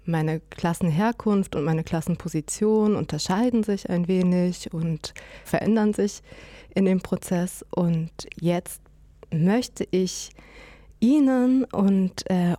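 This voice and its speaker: Woman host, low voice, mellow tone, dry close sound, measured pace with fillers. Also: dry recording. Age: adult, mother. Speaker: host and interviewer. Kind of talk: moderated conversation.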